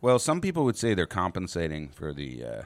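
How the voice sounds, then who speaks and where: Deep-voiced man hosting a casual podcast. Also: wildly swooping pitch, brisk. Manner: profane, informal. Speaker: podcast host. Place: small back room of a cigar lounge.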